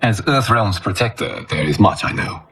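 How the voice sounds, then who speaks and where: A man playing a solemn godly guardian in a video game, speaking formally and with measured authority. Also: fairly low pitch, expressive, a little hiss or hum. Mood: calm authority. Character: solemn godly male protector of the realm. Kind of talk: cinematic video game acting. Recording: loud music behind the voice.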